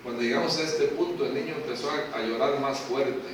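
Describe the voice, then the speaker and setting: A man preaching a sermon, emphatic, swinging from hushed to shouting and asking rhetorical questions. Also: medium pitch, brisk, background noise. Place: church hall. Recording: echoey hall, mic at a distance.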